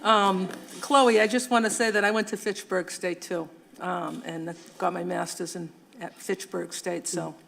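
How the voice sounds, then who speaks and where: A woman's voice: on the low side, steady tone, unhurried, gravelly, hardly any pauses, a bit bright. A woman city councilor making friendly, chatty remarks at a meeting.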